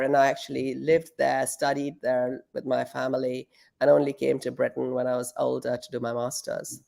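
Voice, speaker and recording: A woman's voice: a bass voice, creaky, a little mellow. A middle-aged woman from Pakistan, answering interview questions at home in a thoughtful, casual way with fillers and restarts. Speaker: guest, shoe brand founder.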